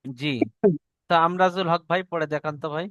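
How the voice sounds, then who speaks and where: Bengali male teacher, smooth tone, slightly higher voice, dry close sound, drills call-and-repeat. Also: steady tone, brisk, fairly bright tone, dry recording, lo-fi sound. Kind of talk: online Quran reading class.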